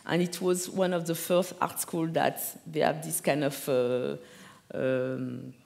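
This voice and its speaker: A man's voice: fairly high pitch, steady tone, takes it slowly, gravelly, a little mellow. A man who teaches art, speaking hesitantly at a panel and often searching for his English words. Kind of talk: panel conversation. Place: large hall with an audience.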